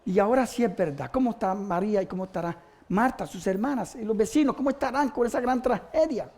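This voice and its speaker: A man's voice: high voice, animated, fast, a little mellow. A man preaching a sermon as pastor, fervent and stopping often to give praise.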